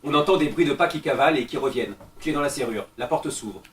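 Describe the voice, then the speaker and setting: A man reading out the stage directions of a play in a calm, measured way. He sounds distant, in a roomy space with faint background noise. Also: medium pitch.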